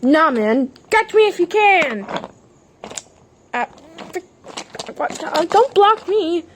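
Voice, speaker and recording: A woman's voice: extremely high pitch, sing-song, takes it slowly, a little hiss or hum. A woman voicing all the characters in a playful homemade toy-train drama, jumping between silly character voices. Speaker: fan series voice actor.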